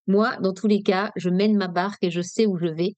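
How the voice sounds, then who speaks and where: A French woman from Nice giving a webinar talk as a negotiation coach, speaking in a lively, direct and explanatory way. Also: mid-range voice, normal speed, dry recording. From Nice, France. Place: webinar, dry room.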